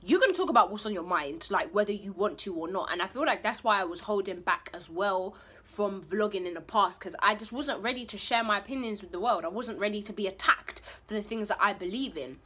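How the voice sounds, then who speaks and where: A woman's voice: mid-range voice, fairly quick, bright, forceful tone, slightly rough. A woman chatting candidly to her phone camera in her bedroom, rambling and talking while she eats. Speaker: vlogger. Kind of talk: casual vlog chat.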